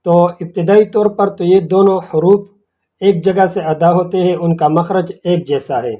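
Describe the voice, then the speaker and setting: A man teaching Quran recitation in a slow, patient lesson, repeating key words and phrases. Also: sits high, steady tone, mellow. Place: academy channel video lesson.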